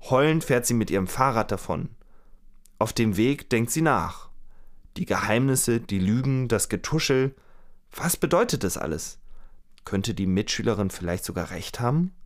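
A man telling a true crime story to a co-host in a relaxed, conversational way, acting out quoted lines now and then. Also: on the low side. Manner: lively retelling with acted quotes. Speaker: podcast storyteller.

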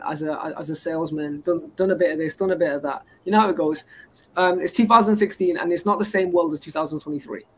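A man in his 20s from England, with a slightly high, somewhat bright voice, rambles through his business credentials as a guest entrepreneur in a casual interview. He sounds boastful, piling up credentials, with slight background noise.

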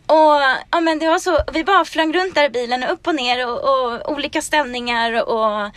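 A woman hosting a podcast, telling a story in casual chat, animated and laughing. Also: high-pitched, dry recording. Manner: animated, laughing, acts out dialogue. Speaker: podcast host.

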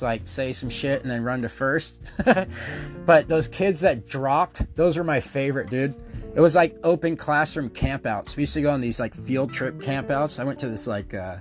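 A middle-aged man hosting a podcast, telling profane, animated stories and laughing often. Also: medium pitch. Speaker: podcast host. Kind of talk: casual storytelling.

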